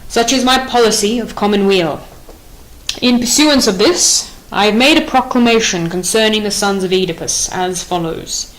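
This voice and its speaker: A woman's voice: mid-range voice, normal speed, lightly acted, rough recording. A woman reading the part of a stern, unbending male king in an audiobook play, grave and declamatory in manner.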